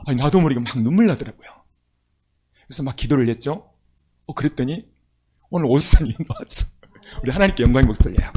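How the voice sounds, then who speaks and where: A man's voice: mid-range voice, darkish tone, slightly rough. A male pastor preaching a sermon, telling stories with emphatic, rising exclamations.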